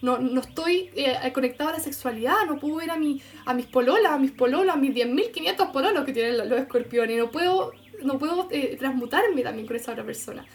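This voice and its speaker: A woman voicing an intense, moody personified Scorpio moon in a rushed, desperate way. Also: high voice, lively intonation.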